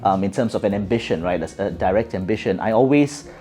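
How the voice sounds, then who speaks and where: A man's voice: on the low side, fast talker, mellow. A middle-aged man from Singapore with a Singaporean English accent, giving thoughtful interview answers with many fillers and restarts. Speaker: guest.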